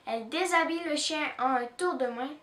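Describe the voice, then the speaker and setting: A woman from Canada reads a children's storybook aloud, slow and expressive. Her voice is high and bright. The recording is roomy and taken from a little way off. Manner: expressive, with small restarts. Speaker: children's book reader. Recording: roomy echo, distant mic.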